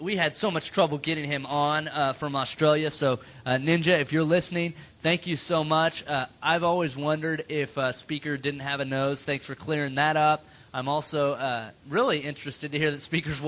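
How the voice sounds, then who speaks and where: A man hosts a casual comedy podcast, reading listener emails and teasing his co-host. His voice is bright and forward, sitting a bit high for a man. His delivery stays loose and jokey. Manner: jokey, playful, reads emails in mock voices.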